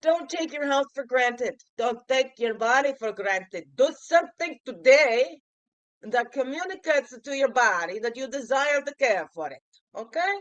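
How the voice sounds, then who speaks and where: Here a woman in her fifties speaks high and a bit slowly, her intonation lively but her nose congested from a cold. The dry, low-quality recording captures her casual daily reflection vlog, where she playfully quizzes the listener.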